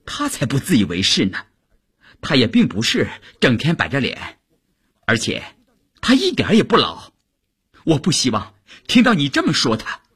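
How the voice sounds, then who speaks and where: A man voicing a proud young woman who fiercely defends her husband in an audiobook, with a husky, indignant delivery. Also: lowish voice, sing-song, unhurried, pauses often, full character voice. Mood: offended. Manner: indignant, rising to sharp outbursts.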